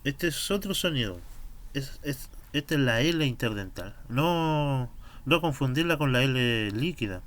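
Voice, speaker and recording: Guy teaching a language class, slow and patient, stretches words out for practice. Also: medium pitch, expressive, fairly bright tone. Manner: slow, patient explanations with drawn-out pronunciation drills.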